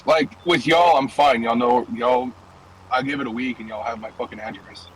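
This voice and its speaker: A man's voice: mid-range voice, steady tone, normal speed, fairly bright tone, rough recording. Young guy on stream talking from his car, cussing a lot, rambling stories, faint background hum. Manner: loose, profane, rambling storytelling. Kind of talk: casual chat while gaming and driving.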